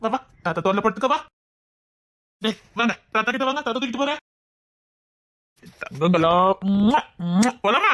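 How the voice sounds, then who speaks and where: A performer with a Tirunelveli accent playing a tender, doting old grandfather in a comedy skit, talking slowly and fondly. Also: medium pitch, lively intonation, a bit bright, dry recording, clean studio sound, natural voice. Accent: Tirunelveli Tamil. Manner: slow, fond and pleading, breaking into sobs. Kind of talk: skit acting.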